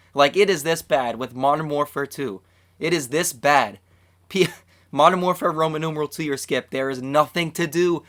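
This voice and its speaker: A man's voice: on the high side, a bit bright. A young man hosting gaming commentary, losing his voice and cracking at times, ranting in a blunt, fired-up way.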